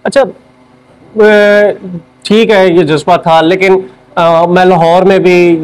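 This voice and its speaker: High-pitched Pakistani man, interviewing. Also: rough recording. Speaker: TV host and interviewer. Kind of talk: on-location television interview.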